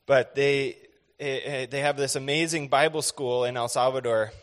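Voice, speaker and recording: A man's voice: medium pitch, fairly even intonation, moderate pace. Give me an earnest American missionary man talking to a congregation in a reverberant hall. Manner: earnest, conversational, frequent fillers. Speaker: missionary speaker. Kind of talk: church missions presentation. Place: church sanctuary. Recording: echoey hall with long reverb.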